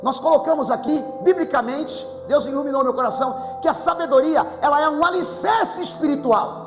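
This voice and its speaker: A middle-aged Brazilian pastor preaching a fervent sermon that rises to shouts, in a church. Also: male voice, very high-pitched, fairly quick. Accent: Brazilian Portuguese. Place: church sanctuary. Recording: long church reverb with music.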